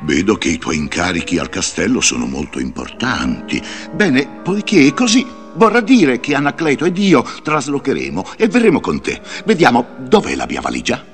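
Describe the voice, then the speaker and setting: An actor playing a wise, patient old wizard who narrates a read-along storybook in a lively, theatrical way. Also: male voice, medium pitch, normal speed, few pauses, soft background music. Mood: storytelling.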